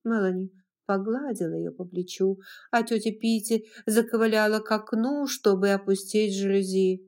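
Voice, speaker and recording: A woman narrating a novel as an audiobook in a measured, expressive reading. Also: medium pitch.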